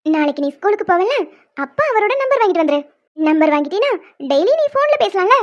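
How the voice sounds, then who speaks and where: A gentle young mother from a cartoon, coaxing and kind in a high voice. The recording is dry and slightly dull. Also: very animated, quick pace. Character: gentle young mother guiding her daughter.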